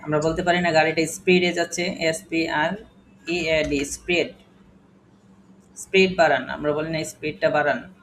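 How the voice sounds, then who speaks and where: A man's voice: fairly high pitch, flat delivery, normal speed, fairly bright tone, a little hiss or hum, poor audio. A man teaching an English class, patiently spelling words letter by letter and quizzing his students. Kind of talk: classroom lesson.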